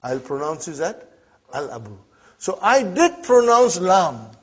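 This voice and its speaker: A male Arabic teacher, not a native speaker, talks slowly in a fairly high, husky voice. He checks in with the class again and again. The recording is dull and lo-fi. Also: very animated. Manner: checks in often with "huh?" and "okay?". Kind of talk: classroom lesson.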